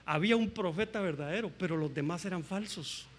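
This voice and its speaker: Animated high-voiced male pastor preaching. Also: a little fast, slight background noise. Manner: animated storytelling, acts out the kings' and prophet's lines; addresses listeners as "hermano". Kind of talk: sermon.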